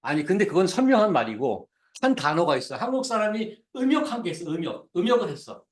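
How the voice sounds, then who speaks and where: A man preaching to his congregation, stopping to ask them questions and dropping English words into his talk. His voice sits high and swings widely in pitch. The sound rings with the echo of a church hall. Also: sing-song, quick pace. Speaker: pastor. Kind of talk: sermon.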